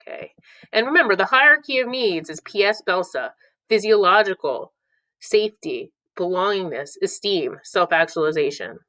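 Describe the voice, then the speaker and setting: A woman's voice: mid-range voice, lively intonation, normal speed, sharp tone, dry recording, low-quality recording. A woman teaching a review lesson, playful, breaking into silly voices for the clues between explanations. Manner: playful, reads clue lines in put-on voices.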